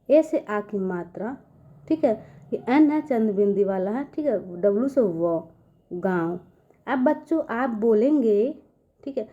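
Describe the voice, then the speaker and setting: A woman teaches children spelling in a fairly high, mellow voice. She is patient and repetitive and keeps checking that they have understood. The recording sounds dull and lo-fi.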